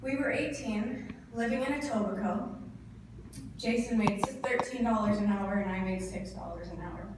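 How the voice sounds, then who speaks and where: A Canadian woman in her thirties gives a prepared motivational speech to a live audience, speaking earnestly and emphatically in short, deliberate phrases. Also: medium pitch. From northern Ontario, Canada. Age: 30s. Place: indoor event room before an audience. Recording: echoey room, distant mic, clear background noise.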